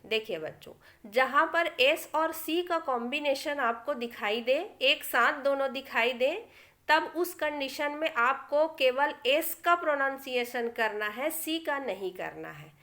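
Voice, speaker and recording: A woman with an Indian accent teaching English pronunciation rules, explaining patiently to her students and reading each rule aloud slowly. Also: sits high, expressive, pushed and bright.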